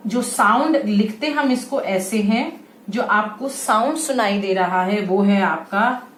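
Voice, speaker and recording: Woman teacher, unhurried, coaxing young pupils through letter sounds, echoey room. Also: medium pitch, a little hiss or hum. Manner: patient, repeats sounds slowly, calls pupils beta, mixes in English. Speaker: primary school teacher. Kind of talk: online Hindi lesson for young children.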